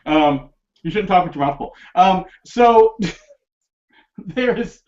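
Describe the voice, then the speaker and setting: A man with a somewhat raised pitch chats loosely about a film on a podcast. He rambles through fillers and restarts, and the recording sounds muffled and lo-fi. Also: animated, slow. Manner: rambling, many fillers and restarts, laughs often. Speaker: podcast host. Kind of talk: casual film discussion.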